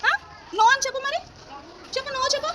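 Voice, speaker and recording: A woman's voice: very high voice, level tone, fast. A woman teacher, insistently urging children to answer. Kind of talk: prompting children in class. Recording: loud background noise.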